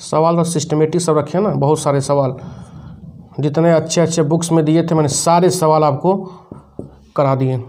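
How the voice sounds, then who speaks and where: High-voiced Hindi chemistry teacher drilling. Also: male voice, fairly even intonation, moderate pace, a little mellow. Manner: counts aloud step by step, drills students with questions. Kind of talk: whiteboard lecture.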